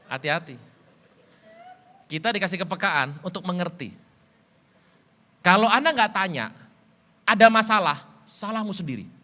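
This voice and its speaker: A middle-aged male pastor telling stories in a sermon, animated, swinging between loud emphatic bursts and quiet low asides. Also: moderate pace, long pauses. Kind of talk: storytelling sermon. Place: church sanctuary. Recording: church hall reverb.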